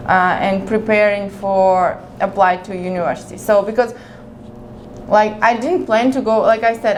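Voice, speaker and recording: A woman's voice: medium pitch, a little hiss or hum, rough recording. A woman in her thirties from Kazakhstan, answering interview questions casually, with many hesitations and restarts. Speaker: guest.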